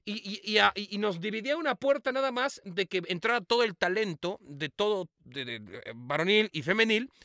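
Fast bright-voiced Mexican man. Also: high-pitched, lively intonation, dry recording, clean studio sound. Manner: crude slang-heavy anecdote telling with acted quotes. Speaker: podcast co-host. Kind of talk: casual storytelling chat.

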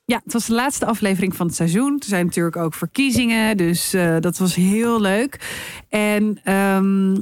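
A woman's voice: medium pitch, normal speed, dry recording. A woman co-hosting a podcast in casual chat, hesitant and full of fillers, laughing easily. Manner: hesitant, many fillers and restarts. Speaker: podcast co-host.

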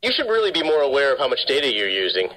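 A man's voice: mid-range voice, wildly swooping pitch, racing, a loud crowd. A man posing as a phone company caller, speaking in a scripted, repetitive sales-call manner over a garbled phone line that keeps breaking up.

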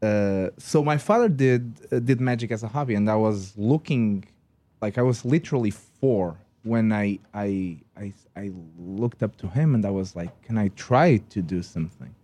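A man's voice: lowish voice, moderate pace, dark tone. A man from Portugal with a Portuguese accent, a magician telling his story earnestly on a podcast. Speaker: magician guest. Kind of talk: casual podcast conversation.

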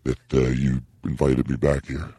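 A man voicing a brash, crude flight attendant woman in her fifties, his voice pitched down by an effect, in an improvised comedy bit. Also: completely flat delivery, moderate pace, warm tone, no echo, studio quality. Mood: crude, blunt. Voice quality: voice pitched down by an effect, very deep and gravelly. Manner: blunt, crude, bossy.

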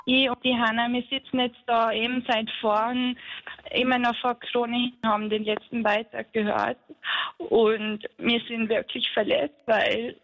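High-voiced woman caller crying on the line, upset, dry close sound. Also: little pitch movement, a little slow, fairly bright tone, no room sound, lo-fi sound. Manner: upset, protesting. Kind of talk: emotional call to a radio show.

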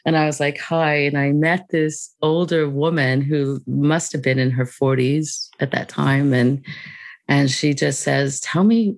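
Gravelly-voiced guest telling a life story. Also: mid-range voice. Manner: reflective, unhurried, with frequent fillers and soft laughs. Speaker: interview guest. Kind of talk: casual personal storytelling.

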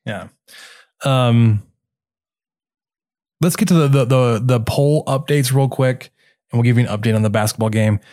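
A man co-hosting a sports podcast, going through stats casually with halting pauses. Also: medium pitch, dark tone.

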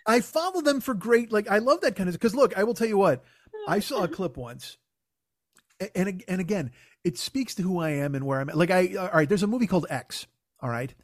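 High-voiced man on a sarcastic, profane rant. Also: expressive, fairly quick, no echo, studio quality. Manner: sarcastic, profane, mocks people in put-on voices. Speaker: podcast host. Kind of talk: comedic podcast rant.

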